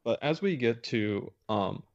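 A man co-hosting a casual film review podcast, recapping the plot in rambling, halting sentences. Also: medium pitch, animated, darkish tone. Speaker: podcast co-host. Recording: dull lo-fi mic.

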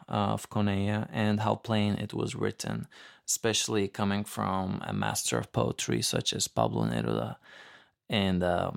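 A man's voice: fairly low pitch, gravelly, clean tone. A man from Istanbul, Turkey, talking in an interview as a guest musician about his work, recorded in a home studio. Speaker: guest musician, composer and producer.

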